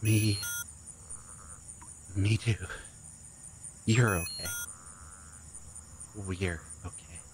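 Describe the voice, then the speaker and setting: A man's voice: fairly low pitch, steady tone, drawn-out words, pauses often, noisy background. A man voicing a stammering, apologetic, loyal companion in an audio drama. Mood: soft, tender.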